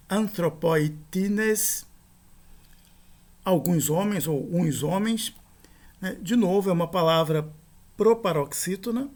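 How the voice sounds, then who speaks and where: A man with a high voice lectures on grammar. He explains each rule step by step, repeating the key terms. He slows right down to sound out every example word. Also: darkish tone. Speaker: teacher.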